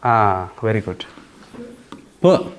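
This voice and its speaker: Slow patient man teaching online. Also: on the low side, very animated. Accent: Karnataka. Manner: slow, patient, keeps checking students understand. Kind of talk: online Kannada grammar lesson. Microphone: computer mic on an online class call.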